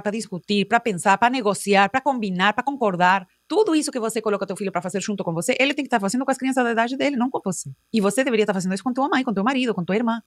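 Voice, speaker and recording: A woman's voice: mid-range voice, dry recording, clean studio sound. A woman parenting educator speaking emphatically, often acting out dialogue between a parent and a child. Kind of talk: talk clip.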